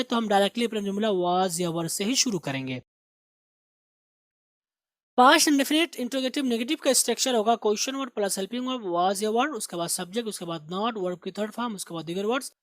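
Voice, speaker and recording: An English teacher gives a spoken grammar and vocabulary lesson, explaining slowly and repeating words for pronunciation. Patient and repetitive, with a mid-range voice, he's recorded close and dry with no echo.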